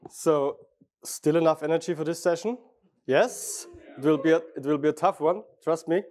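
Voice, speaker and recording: A man from Austria speaks with a German accent, his voice sitting fairly high for a man. He gives a friendly, chatty technical talk in a large conference hall, restarting his sentences and throwing questions to the crowd. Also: fairly even intonation, moderate pace, darkish tone.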